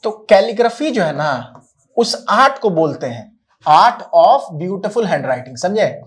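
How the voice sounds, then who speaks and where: A male teacher giving a recorded lecture, explaining patiently, repeating key words slowly and often asking whether students are following. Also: high-pitched, sing-song. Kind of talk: recorded classroom-style lecture.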